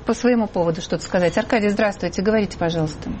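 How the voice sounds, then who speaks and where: A woman hosting a radio and TV talk show, speaking in an animated, emphatic way. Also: mid-range voice, rapid-fire, noisy background. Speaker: host.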